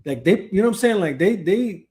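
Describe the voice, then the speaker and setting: Podcast host, male, fairly high pitch, loose rambling delivery full of fillers. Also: expressive, brisk, a little mellow. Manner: rambling, heavy on "you know" fillers. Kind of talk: casual chat.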